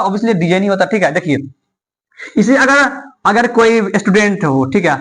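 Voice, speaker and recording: Male English teacher, high voice, drills each rule by asking and answering his own questions. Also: fairly bright tone. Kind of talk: classroom-style explanation.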